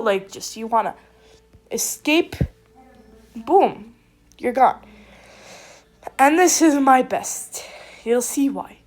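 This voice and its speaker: Excitable young woman with a stuffy nose. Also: a little high. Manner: rambling, excitable, self-interrupting. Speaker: gaming video creator. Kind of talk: casual gameplay commentary.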